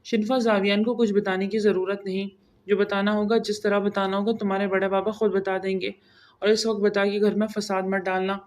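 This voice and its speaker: A stern middle-aged matriarch, as a woman reader voices her in an audio novel. She speaks firmly and with authority at a middling pitch. The tone is hushed but commanding. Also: level tone, close to an everyday voice.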